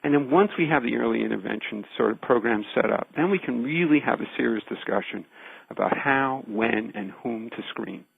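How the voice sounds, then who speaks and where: Male scientist interviewee, creaky and raspy, emphatic explainer, heard over a thin telephone-style radio line. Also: mid-range voice, no room sound. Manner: deliberate, emphatic, builds points in repeated phrases. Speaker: research scientist, interview guest. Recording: narrow phone-like radio line.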